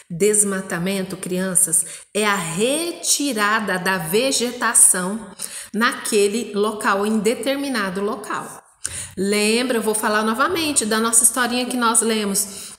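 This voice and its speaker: A Brazilian Portuguese primary school teacher giving a recorded lesson to young children, spelling out syllables slowly and often checking with "não é?". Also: female voice, medium pitch, fairly bright tone, reverberant, big-room sound.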